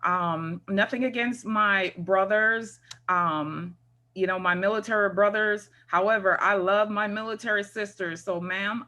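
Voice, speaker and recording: Bright-voiced Jamaican woman speaking. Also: mid-range voice. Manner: conversational, leans on "you know" and "um". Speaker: retired first sergeant and panel speaker. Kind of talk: virtual conference remarks.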